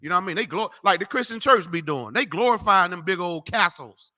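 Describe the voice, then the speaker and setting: A profane street preacher with a high, tense, cutting voice teaches a class through loud Bible teaching on a street corner. He speaks fairly quickly with lively intonation and a sharp tone, brash and mocking as he tells people off.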